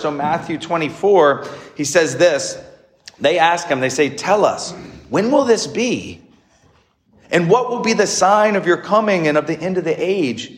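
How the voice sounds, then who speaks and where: A man's voice: fairly high pitch, roomy sound. A man preaching a homily as a priest, explaining in a conversational way with rhetorical questions and short emphatic phrases.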